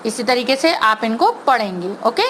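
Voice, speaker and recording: A woman teacher giving an online Hindi lesson to young children, sounding out words slowly and patiently, mixing English words into her Hindi. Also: a little high, very animated, fairly bright tone, a little hiss or hum, poor audio. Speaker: primary school teacher.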